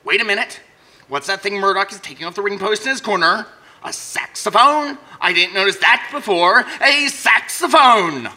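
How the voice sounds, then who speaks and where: An excited radio fight announcer. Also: male voice, high-pitched, full character voice. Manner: rapid-fire, excitable. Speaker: sports announcer. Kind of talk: 1940s radio acting, blow-by-blow commentary.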